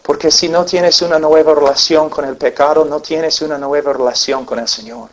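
A man's voice: fairly high pitch, fairly even intonation, moderate pace. A man preaching a sermon to a congregation, telling stories earnestly and acting out the people in them, on a dull lo-fi recording. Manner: earnest storytelling with acted-out voices.

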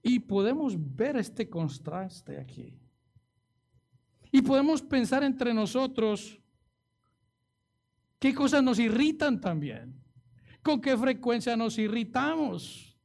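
Gravelly high-voiced male preacher. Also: big pitch swings, slow pace, long pauses, a little mellow. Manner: dramatic, acts out quoted pleas, rhetorical questions. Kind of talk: sermon.

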